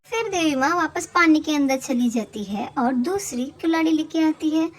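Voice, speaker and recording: A woman narrates a cartoon fable in a steady, plain storytelling manner. Her voice sits high. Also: moderate pace.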